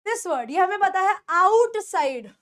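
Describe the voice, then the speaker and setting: A woman teaches pronunciation in a classroom lesson, her voice high and her pace unhurried. She says each word again and again and keeps checking whether her students have understood. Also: very animated, fairly bright tone. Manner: drills words by repeating them and asks students checking questions.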